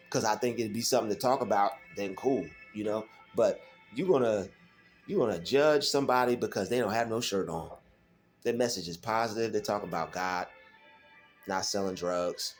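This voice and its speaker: With a lowish voice, this channel host runs his faith vlog by himself from home. He keeps it casual and emphatic, often repeating phrases and leaning on many fillers.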